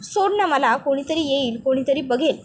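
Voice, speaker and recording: A woman voicing a gentle young bride who pleads softly and apologizes. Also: high-pitched, expressive, moderate pace, a little hiss or hum. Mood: pleading.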